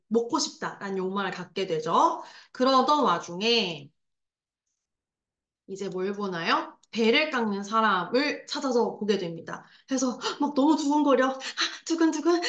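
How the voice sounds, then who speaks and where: A woman teaching a literature lesson online, explaining a story passage in a lively way, acting out scenes and chatting aside with her students. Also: a little high, roomy sound. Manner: lively, acts out scenes with sound effects and voices. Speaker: Korean language teacher.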